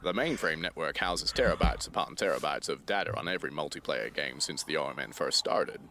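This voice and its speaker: Man as a very deep, officious administrator. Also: expressive, a little fast, pushed and bright, a little hiss or hum, full character voice. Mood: formal, measured. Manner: formal, stiff, wordy. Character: stern, officious male network administrator, formal and unyielding. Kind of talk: dramatic web machinima voice acting.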